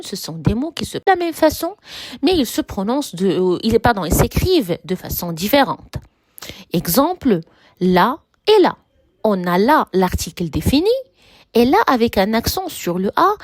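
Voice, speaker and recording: A woman teaching a French grammar lesson, slowly spelling out examples and repeating key words with emphasis. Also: fairly high pitch, darkish tone. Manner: slow, deliberate, repeats and stresses example words. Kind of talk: classroom-style grammar lesson.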